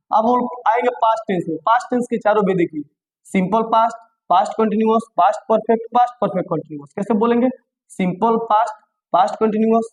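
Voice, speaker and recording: A man teaching English grammar, repeating lists aloud and asking the class quick check questions. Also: high voice, a little mellow, low-quality recording. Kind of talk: classroom-style grammar lesson.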